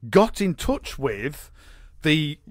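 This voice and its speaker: A man co-hosting a casual comedic chat show, telling stories in an animated way, often repeating words and giggling. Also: a little high, very slow, no echo, studio quality. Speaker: podcast co-host. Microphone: studio microphone.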